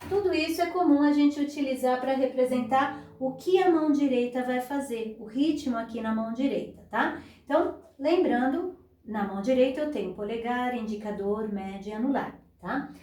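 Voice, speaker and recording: A woman's voice: high voice, moderate pace, a little mellow. A woman teaching beginners guitar, explaining patiently step by step and counting beats aloud. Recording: echoey room, voice a bit far from mic, guitar playing.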